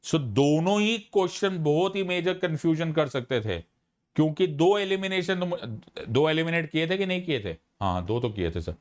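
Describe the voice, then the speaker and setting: Indian man, middle-aged, lecturing students, lively coaxing delivery, resonant voice. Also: a little high, moderate pace. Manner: lively, coaxing teacher talk mixing Hindi and English, calls students "my child". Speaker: exam-prep educator. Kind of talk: live online lecture.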